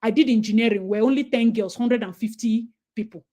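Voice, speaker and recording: Her voice sits a little high and her pace is brisk as this Nigerian host chats casually. Telling stories with lots of animation, she drifts into pidgin, her Nigerian accent clear throughout.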